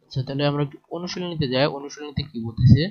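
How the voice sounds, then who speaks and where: A man's voice: fairly high pitch, very fast. A man with a Bangladeshi Bengali accent teaching a lesson from a textbook. He explains each exercise in plain talk and checks in with his listeners. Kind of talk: lesson, reading through a textbook. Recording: dull lo-fi recording.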